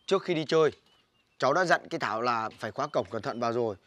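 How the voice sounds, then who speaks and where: A man's voice: mid-range voice, animated, very fast, lightly acted. A man with a Northern Vietnamese accent playing an exasperated older brother who scolds his little sister in a village comedy sketch. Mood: pleading. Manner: scolding, exasperated, loud complaining.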